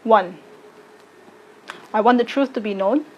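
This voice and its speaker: A woman, giving a slow, deliberate personal statement to camera. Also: on the high side, lo-fi sound, a little hiss or hum. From Singapore. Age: late 20s. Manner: slow, deliberate, measured delivery. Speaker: arts educator and content creator.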